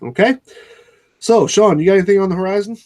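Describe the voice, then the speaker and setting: A man's voice: high-pitched, fast, darkish tone. A man hosting a casual chat, blunt and sarcastic, swearing freely and often restarting his sentences. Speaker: channel host.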